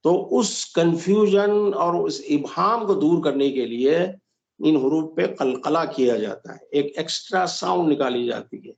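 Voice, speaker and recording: A man teaching a Quran recitation class, patiently explaining rules step by step and slowly modeling the sounds. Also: fairly high pitch, expressive, gravelly. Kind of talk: online tajweed class. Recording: dull lo-fi roomy audio.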